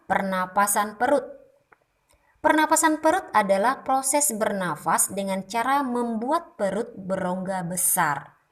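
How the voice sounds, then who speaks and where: Slow-spoken woman teaching a music lesson. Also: mid-range voice. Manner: explains slowly, sings short demo phrases. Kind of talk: slow explanatory class lesson.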